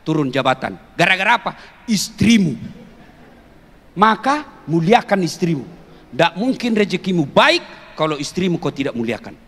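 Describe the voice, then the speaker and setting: A man preaching a humorous sermon to a live crowd, teasing them with jokes and shouting his punchlines. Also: sits high, very animated, normal speed. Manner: jokey, teasing, shouts punchlines and mimics voices. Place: large hall with an audience. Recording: long hall reverb on a PA.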